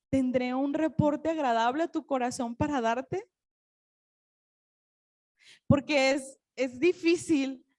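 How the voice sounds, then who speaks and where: High-voiced woman preaching earnestly. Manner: earnest, emphatic, with slowed phrases for emphasis. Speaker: preacher at a women's service. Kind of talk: sermon. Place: church.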